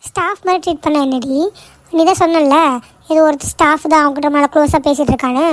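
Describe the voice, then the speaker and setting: Cartoon role: woman playing a middle-aged mom, high voice, scolding yet caring, dry close sound. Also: fairly even intonation, fairly quick, dry recording, close to an everyday voice. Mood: coaxing. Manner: scolding, coaxing, teasing. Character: middle-aged mother, nagging but caring. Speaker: mother. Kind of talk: cartoon voice acting.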